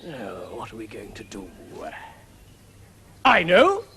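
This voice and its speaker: A man playing a sly, smooth-talking fox swindler with a wheedling, flattering manner. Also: medium pitch, takes it slowly, heavily acted. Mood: scheming.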